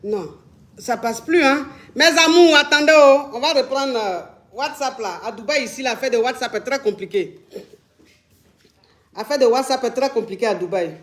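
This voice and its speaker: A woman with a very high voice, talking casually into a phone on a live stream. She is chatty, repeats herself a lot and keeps calling her viewers by affectionate names. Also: moderate pace. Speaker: live-stream host taking calls. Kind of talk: casual live-stream chat and product promotion. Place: Dubai.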